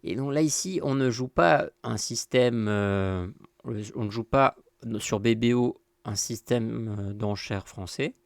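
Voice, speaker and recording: A man's voice: medium pitch, takes it slowly, vocal fry, no room sound, clean studio sound. A man hosting his own channel, explaining bidding in a casual lesson, talking in a loose conversational way with many fillers and repeated "so here" phrases. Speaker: bridge teacher and channel host.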